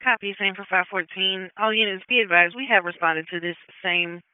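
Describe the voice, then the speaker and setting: A man's voice: high voice, steady tone, brisk, smooth, no echo. A man working as a police dispatcher, speaking in clipped, procedural radio traffic over a police radio. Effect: police radio transmission. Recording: tinny radio band, dry.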